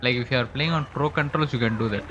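Talking fast at a medium pitch, this Indian streamer trades jokes and playful brags over a loud crowd while he plays cricket. The indoor streaming recording sounds a bit dull, and the game noise is faint.

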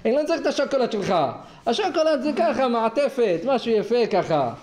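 A man's voice: extremely high pitch, lively intonation, darkish tone, pitched above the performer's own voice. A man voicing an angry, proud male city governor who scolds scornfully. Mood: scornful scolding. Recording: echoey room, faint noise.

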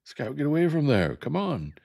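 A man's voice: low voice, wildly swooping pitch, moderate pace, gravelly, darkish tone, slightly rough, voice pushed up, heavily acted. A man doing a bossy hollering boy. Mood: shouting. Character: bossy boastful older boy, a brother. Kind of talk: storybook reading.

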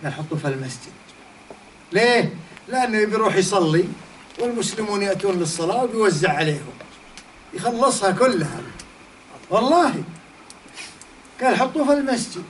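High-voiced man teaching. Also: expressive, brisk, pauses often, a bit bright. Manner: storytelling with rhetorical questions. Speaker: Islamic teacher. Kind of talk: religious lesson. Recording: distant mic, faint background noise.

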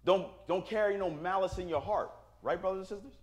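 Call-and-response preacher in an echoey church. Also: male voice, sits high, a little fast, darkish tone. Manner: call-and-response, asks the congregation "right?"; plain-spoken, informal grammar. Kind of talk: sermon. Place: church sanctuary.

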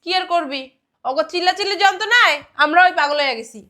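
Woman doing a mom, super high and bright, rattles off scolding really fast. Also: lively intonation, full character voice. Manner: scolding, quick retorts. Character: sharp-tongued middle-aged mother. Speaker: mother-in-law.

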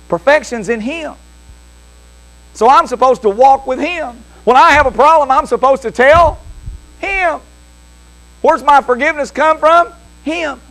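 Older pastor, man, high tenor, folksy jokey storyteller in the pulpit. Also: poor audio. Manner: homespun, jokey, lively delivery.

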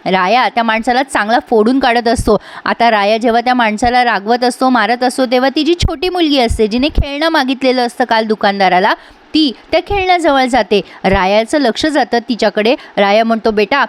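A woman's voice: on the high side, brisk, a little hiss or hum. A woman recapping a TV serial episode in a chatty, storytelling way. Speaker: serial reviewer.

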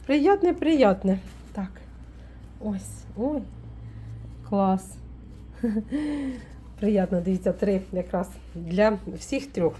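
A woman from Ukraine, a folk witch vlogger, chatting warmly as she unpacks a parcel, full of fond diminutives. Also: mid-range voice, expressive, very slow, pauses often, slight background noise. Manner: warm, doting, with many fond diminutives. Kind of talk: casual unboxing vlog.

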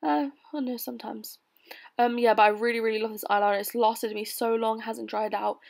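A young adult British woman giving a casual makeup tutorial voice-over in a bored, low-energy way. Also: steady tone, a little fast, vocal fry, darkish tone. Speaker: beauty vlogger. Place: bedroom, voice-over recorded lying on bed.

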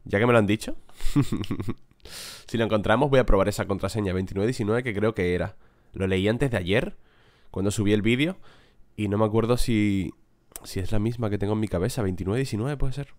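A gaming video host does let's play commentary on his horror game session in a lowish voice at a moderate pace. He is jumpy and swears, reading the item names aloud.

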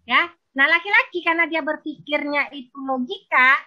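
A woman giving a marriage-counseling talk over a video call. She is lively and teasing, and she speaks straight to her audience. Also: high-pitched, normal speed. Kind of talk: virtual seminar lecture.

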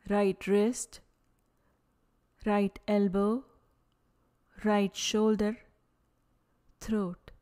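A woman guides a yoga nidra meditation in a mid-range voice. She speaks calmly and soothingly, using short phrases separated by long pauses.

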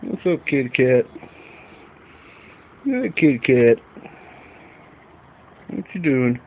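A man filming his pets at home, coaxing and chatting to them in a soft, doting way. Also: medium pitch, big pitch swings, slow, phone-quality sound, slight background noise. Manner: coos and talks softly to his pets. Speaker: pet owner filming his animals. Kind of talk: casual narration of home pet video.

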